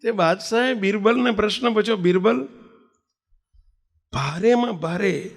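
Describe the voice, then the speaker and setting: A man's voice: high-pitched, measured pace, vocal fry. A man giving a sermon, telling folksy stories, acting out the dialogue and laughing as he goes. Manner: folksy, animated storyteller who acts out dialogue and laughs. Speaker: swami giving a discourse. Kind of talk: sermon with storytelling.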